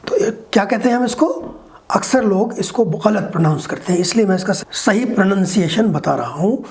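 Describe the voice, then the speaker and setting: A man giving a spoken-English lesson, explaining in Hindi between examples. He draws each English sample sentence out slowly and clearly, as a teacher modelling pronunciation. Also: high voice, lively intonation, a little mellow.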